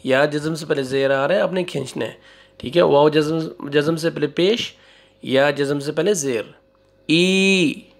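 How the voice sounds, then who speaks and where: A man teaching Quran reading, spelling out syllables slowly one by one, repeating them and correcting wrong readings. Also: on the high side, vocal fry. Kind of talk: slow spelling-out recitation lesson.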